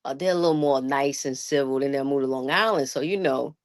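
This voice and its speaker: A woman's voice: a bass voice, brisk, no echo, studio quality. A middle-aged woman with a New York accent, a guest artist telling stories in a casual interview, laughing often and using slang. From Brooklyn, New York. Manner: laughs often, animated storytelling with slangy talk.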